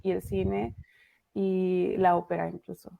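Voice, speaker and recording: Mexican woman writer, husky and gravelly, chatty guest on a video call, lots of fillers. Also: on the low side, little pitch movement, unhurried, phone-quality sound. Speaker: author, interview guest. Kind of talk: casual interview over video call. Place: dark home room at night.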